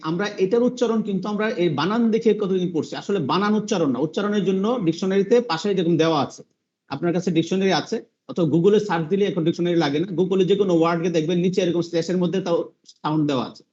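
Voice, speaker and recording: A man with a high, slightly mellow voice teaches English pronunciation in an online class, and the recording has its highs cut off. He's patient and repetitive, repeating sounds slowly and often quizzing the class with questions.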